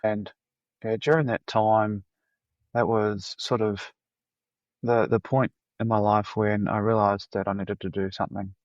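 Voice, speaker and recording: A man from New Zealand in his thirties, with a New Zealand accent, answers as a podcast guest in a plain, matter-of-fact way. His voice is low. The sound is dull and lo-fi, and the room is dry. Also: level tone, measured pace, dry recording. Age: 30s.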